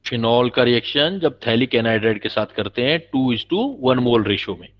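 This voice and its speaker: A man's voice: mid-range voice, a little slow. A man teaching a chemistry class, patiently explaining and quizzing his students. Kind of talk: classroom lecture. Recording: dull lo-fi recording.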